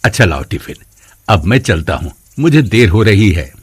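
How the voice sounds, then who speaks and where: A man's voice: lowish voice, big pitch swings, normal speed, husky, no echo. A man voicing a loving widowed father who works in a factory, in a cartoon, talking affectionately to his daughter.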